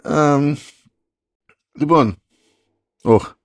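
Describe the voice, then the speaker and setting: A man's voice: a little high, dry recording. Guy cohosting a tech podcast, wry, chatty, dry close mic. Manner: chatty, wry, reads out news items. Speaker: podcast co-host. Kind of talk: casual chat about tech news.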